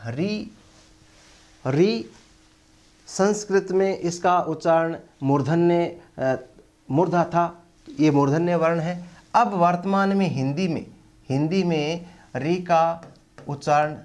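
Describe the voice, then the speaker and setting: A male Hindi grammar teacher giving an online lecture, speaking deliberately and filling his pauses with long drawn-out "a" sounds. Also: on the high side. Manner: slow, deliberate, with many drawn-out "a" fillers.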